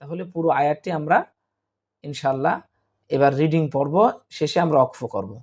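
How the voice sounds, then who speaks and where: A man teaching Quran reading in Bengali, spelling out letters and vowel marks slowly and repeating syllables for students. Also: on the high side, fairly even intonation, darkish tone. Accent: Bangladeshi Bengali. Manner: slow, drawn-out spelling of letters and vowel marks, then recited Arabic words.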